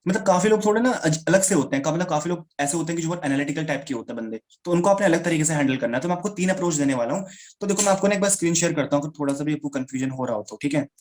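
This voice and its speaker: A man leads a live sales training over a video call, talking very fast in a somewhat high voice. He keeps a chatty, brotherly manner, calling his listeners guys and brother as he explains.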